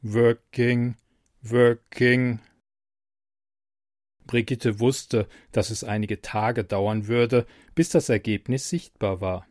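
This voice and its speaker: A man narrating a story in a calm audiobook reading. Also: fairly low pitch, a little slow, hardly any pauses, dry recording, studio quality.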